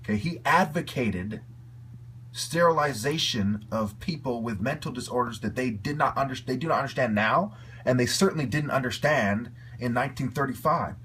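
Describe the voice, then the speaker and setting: A man's voice: medium pitch, moderate pace, a bit bright, husky. A man giving an angry, profane video rant, heated and repetitive in his delivery. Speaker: video commentator.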